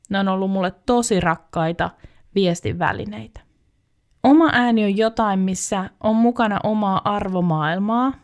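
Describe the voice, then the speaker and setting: A woman's voice: mid-range voice, clear, resonant tone. A woman hosting a podcast, speaking in a reflective scripted monologue that addresses the listener directly. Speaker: podcast host.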